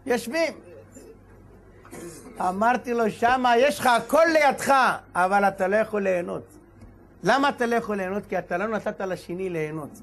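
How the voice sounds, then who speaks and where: Man rabbi, very high voice, animated sermon storyteller who acts out his characters. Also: long pauses, slight background noise. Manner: animated storyteller acting out dialogue and shouts. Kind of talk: sermon with told stories.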